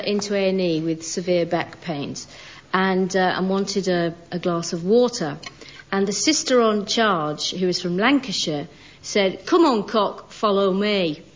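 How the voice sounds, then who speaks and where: A woman on a comedy quiz panel, chatting in a giggly, hesitant way. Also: medium pitch. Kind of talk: casual chat. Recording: dull broadcast audio.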